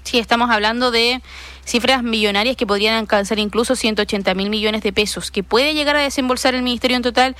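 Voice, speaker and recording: A woman's voice: a little high, quick pace, fairly bright tone, dry recording. A woman co-hosting radio news, adding figures precisely and agreeing with the host. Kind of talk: news discussion.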